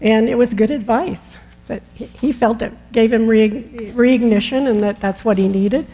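A woman's voice: on the high side, moderate pace, dark tone, low-quality recording. A woman welcoming a chapel congregation and giving announcements in a friendly, chatty way, with light laughs and fillers. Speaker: lay leader giving announcements. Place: chapel sanctuary.

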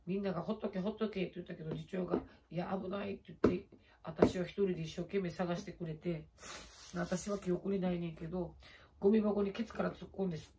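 A middle-aged woman with a Kansai accent talks in a slightly low voice. She rambles through late-night stories and laughs at herself while fiddling with a face pack. A faint hiss sits under her voice. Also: fairly even intonation, fast talker. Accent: Kansai Japanese. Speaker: YouTuber. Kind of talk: casual late-night chat.

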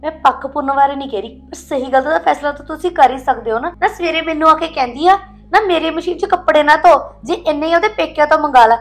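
A woman's voice: high voice, fast, few pauses. A woman playing an aggrieved young wife who complains about her sister-in-law. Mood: indignant. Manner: complaining, indignant. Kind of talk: Punjabi family sketch acting.

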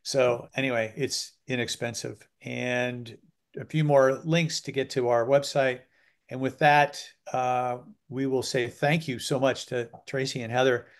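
A man's voice: mid-range voice, fairly even intonation, a little slow. A man hosting an online webinar over a video call, talking loosely and chattily with lots of fillers. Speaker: webinar host. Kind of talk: casual webinar moderating.

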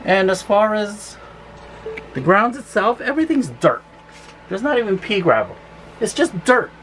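A woman's voice: medium pitch, big pitch swings, measured pace, slight background noise. A woman travel vlogger ranting angrily and swearing about her RV campsite. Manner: furious, profane complaining. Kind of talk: angry vlog rant.

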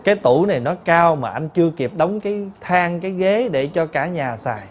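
A husband calmly insists the fault is his own, played by a male preacher. His voice is a little high, with faint background hiss. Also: moderate pace, natural voice. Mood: conciliatory. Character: husband taking the blame.

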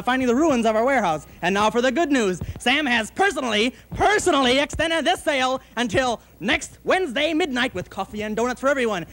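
A young man playing a fast-talking TV furniture pitchman in a comedy sketch, hard-selling, flustered and bursting into shouts, on a handheld mic in a TV studio. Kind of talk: parody local TV furniture commercial. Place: TV studio set. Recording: 1960s TV broadcast.

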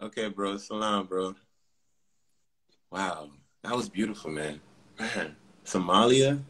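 A man's voice: fairly low pitch, fairly bright tone, breathy edge. A man in his forties hosting a livestream video call from a room indoors, talking into a phone held close, upbeat and laughing often. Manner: upbeat, quick greetings with lots of laughing. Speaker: livestream host. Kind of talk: casual video call chat. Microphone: phone at close range.

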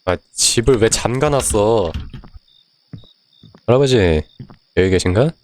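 A man giving casual let's-play commentary, reading the game's text aloud and translating it, chatty and prone to swearing and shouting. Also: on the low side, animated, normal speed, slight background noise. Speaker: game streamer.

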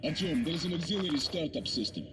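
An actor playing a commanding, terse veteran soldier leading a squad in a video game. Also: male voice, on the high side, expressive, quick pace, over music, natural voice. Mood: urgent, practical. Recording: echoey hall, faint background noise.

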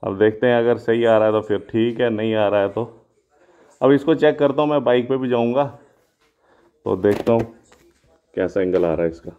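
A motovlogger rides his motorbike on an outdoor road, rambling casually and thinking aloud into a phone mounted on the bike. His medium-pitched voice moves at a moderate pace with long pauses, and the audio sounds narrow and tinny.

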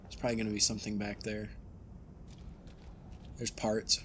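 A young man co-hosting a horror game let's play, casual and jokey, going quiet and spooky when scared. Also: on the low side, little pitch movement, moderate pace, a little hiss or hum. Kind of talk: casual gaming banter.

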